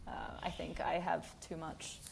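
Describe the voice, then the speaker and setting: A woman hosting a podcast interview, chatting casually and excitedly, dropping "like" often. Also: fairly low pitch, normal speed, gravelly, slight background noise. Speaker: podcast host.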